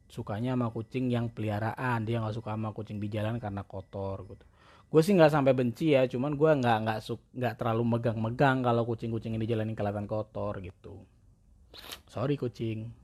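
A man's voice: fairly low pitch, a little mellow. A young man with chatting casually in a self-deprecating monologue. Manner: chatty, slangy, self-deprecating, mimics cat-talk voices.

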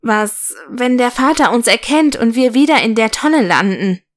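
A woman voicing a worried female toy doll in a storybook, speaking softly. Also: fairly high pitch, expressive, moderate pace, lightly acted.

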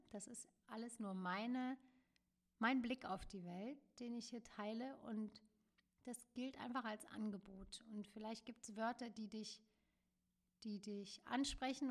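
A woman hosting her own podcast, talking alone in a gentle, searching way with many small fillers and soft, trailing phrases. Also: on the high side. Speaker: podcast host. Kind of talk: reflective solo podcast monologue.

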